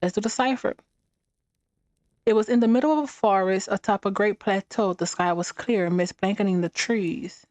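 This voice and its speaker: A woman reading a fantasy game's text aloud during a let's play, with halting restarts and short reactions of her own. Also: mid-range voice, a little mellow, no room sound.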